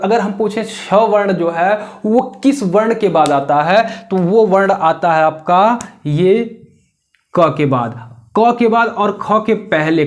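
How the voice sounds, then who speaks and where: Male teacher with a high voice. Methodical classroom explainer who repeats key points. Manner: asks questions and answers them himself. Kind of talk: classroom-style lesson.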